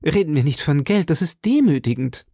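A reader playing a vain swaggering musketeer, grand and self-pitying, gravelly lively delivery, audiobook. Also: mid-range voice, brisk, no echo, clean studio sound, voice pushed up. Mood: affronted. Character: vain boastful male musketeer, pompous nobleman. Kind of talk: audiobook character reading.

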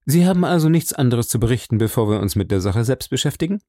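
A man's voice: mid-range voice, expressive, fast, warm tone, no echo, studio quality, close to an everyday voice. A man reading an audiobook, voicing a keen male detective who asks pointed, probing questions. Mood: inquisitive. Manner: pointed, inquisitive questions, lifted emphasis.

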